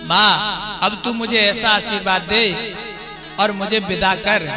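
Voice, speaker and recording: A man voicing a gentle, dutiful young bride princess who earnestly consoles her mother in devotional storytelling. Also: high-pitched, fairly even intonation, slow pace, music in the background.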